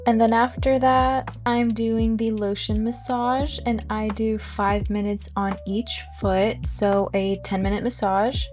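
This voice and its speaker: A woman's voice: medium pitch, darkish tone. A woman of about twenty, talking informally and chattily to viewers in a casual tutorial vlog style. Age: 19, about to turn twenty. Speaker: nail tech video host. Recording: music behind the voice. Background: background music.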